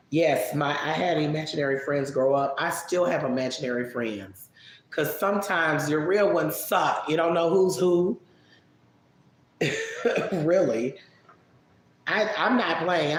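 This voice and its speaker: Here the vlogger's pitch is fairly high, and he's again fielding viewer questions in a laid-back live-stream chat. His replies are chatty and long, full of musing, and the echoey room carries faint background noise.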